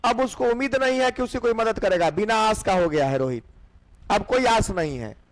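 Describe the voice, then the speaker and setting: Male coaching teacher, high, animated delivery, quizzes his class and answers himself. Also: fairly quick. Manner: asks questions and answers them himself. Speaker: exam-prep teacher. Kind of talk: classroom lecture with memory tricks.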